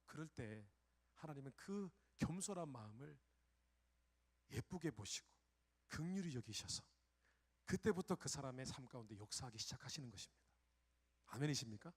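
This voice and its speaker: A middle-aged pastor preaching a sermon who swings between hushed reflection and loud, pleading cries and acts out his own prayers. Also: medium pitch, expressive, moderate pace, pauses often, husky.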